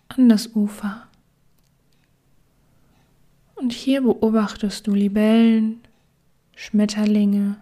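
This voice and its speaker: A woman guiding a relaxation meditation in a soft, soothing whisper. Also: on the high side. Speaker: meditation guide.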